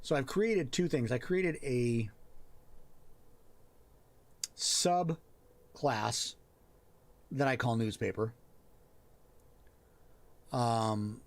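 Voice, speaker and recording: Man, gravelly voice, middle pitch, live-stream host, casual chat, thinking aloud, pausing to find words. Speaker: host of a writing and worldbuilding help stream. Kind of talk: casual live-stream chat while reviewing work on screen.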